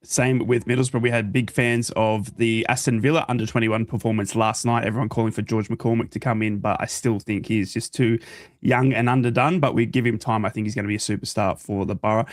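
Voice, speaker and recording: A man with a North East English accent co-hosting a casual football podcast, chatty and animated, calling the others mate. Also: fairly low pitch, fairly quick, no room sound, clean studio sound. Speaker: podcast co-host.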